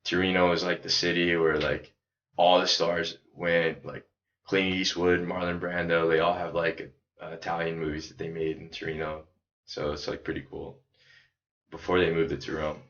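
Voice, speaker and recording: A Chicago man appears as a podcast guest, an independent filmmaker chatting casually in a loose, halting style full of "like." His low voice is flat in delivery and slightly bright. The audio is dull and lo-fi, captured in an echoey room.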